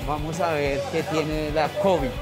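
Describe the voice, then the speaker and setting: Jokey vlogger, man, voice muffled by a face mask, high register, over loud background music. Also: flat delivery, measured pace. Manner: upbeat, joking. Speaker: street food vlogger. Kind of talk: casual chat. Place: city street, outdoors.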